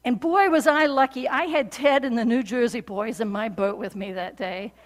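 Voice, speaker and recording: A woman pastor giving a sermon, telling a story in an animated, conversational way with frequent fillers. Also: fairly high pitch, moderate pace. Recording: long reverb of a large hall.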